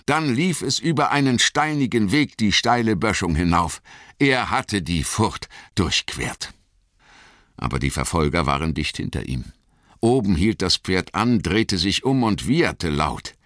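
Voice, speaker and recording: A man narrates an adventure story in a very deep voice that rises and falls dramatically. He reads slowly and deliberately, with a dry, close recording. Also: no echo. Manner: dramatic, expressive reading. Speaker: audiobook narrator. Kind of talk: scripted narration.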